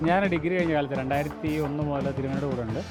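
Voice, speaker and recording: A man with a Kerala Malayali accent and a slightly high voice answers interview questions informally. He speaks quickly, slipping English words into Malayalam, with music clearly behind him. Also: steady tone. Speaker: catering kitchen manager.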